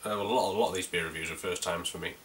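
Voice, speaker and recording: A man from North Yorkshire, England, reviews a homemade beer in a casual video, rambling amiably with plenty of fillers and restarts. His voice is slightly low yet bright and forceful, and he races along over a faint hiss or hum.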